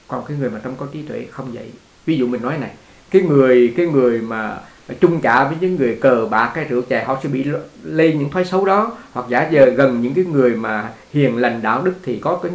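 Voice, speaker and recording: A man's voice: medium pitch, gravelly. A man teaching as a Buddhist teacher in a conversational dharma talk, repeating words and laughing along with his listeners. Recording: echoey room.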